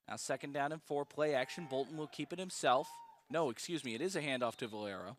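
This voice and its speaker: A man calling live college football play-by-play, brisk and precise about each down and yard line. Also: mid-range voice, a little hiss or hum. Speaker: play-by-play announcer.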